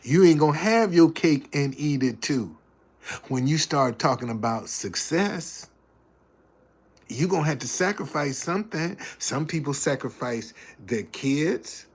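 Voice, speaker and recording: A man in his seventies with a fairly high, breathy, expressive voice hosts a livestream at a measured pace. In a folksy, preacherly style, he talks about success and reads viewers' chat messages aloud.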